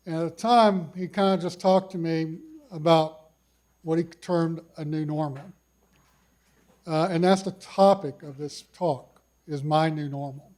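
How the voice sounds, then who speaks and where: In a conference hall, an older cancer survivor with a big voice shares his personal story in a folksy, self-deprecating manner. His voice is fairly high and darkish, with fairly even intonation and a slightly slow pace.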